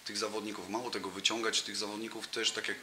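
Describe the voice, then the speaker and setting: A football coach, here as an interview guest, speaks in a low, flat voice during a casual interview chat, halting and full of fillers and restarts. The table mic in front of him is set in a cafe room with a brick wall and sofa, and the recording sounds roomy and noisy.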